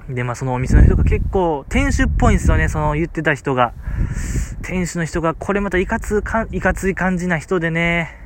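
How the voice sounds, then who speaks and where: Kansai guy rambling through a story on his podcast, kinda high voice, faint hum behind him. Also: brisk. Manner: rambling, filler-heavy, amused. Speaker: podcast host. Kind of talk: casual storytelling chat.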